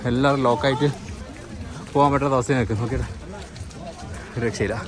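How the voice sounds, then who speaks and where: A man's voice: mid-range voice, fairly even intonation, fast, a crowd in the background. A man with a Malayali accent gives casual, exclamatory travel vlog commentary, often repeating short phrases. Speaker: travel vlogger. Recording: noisy location audio with ambient din.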